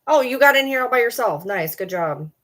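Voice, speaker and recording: A woman's voice: a little high, expressive, fairly quick, a bit bright. A woman in her early forties chatting casually on a live stream, rambling and answering viewer comments. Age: 40s. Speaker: livestreamer.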